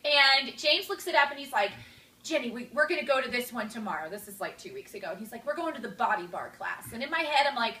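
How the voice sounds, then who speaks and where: Animated high-pitched young woman telling a story. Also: fast talker. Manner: animated, laughing, acts out quotes. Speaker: storyteller guest. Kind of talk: casual storytelling chat. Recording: echoey room with audience noise.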